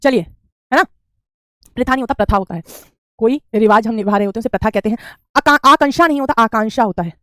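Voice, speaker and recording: Woman, 30s, online Hindi teacher; repetitive, patient drilling; slightly high voice, dry sound. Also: quick pace, no echo. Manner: repetitive drilling, calls students beta. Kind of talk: online class teaching spelling.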